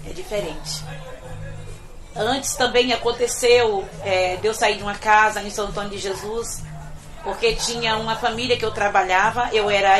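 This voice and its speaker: A middle-aged domestic worker from Bahia tells her own story in an earnest, reflective testimony, her medium-pitched voice often trailing off quietly.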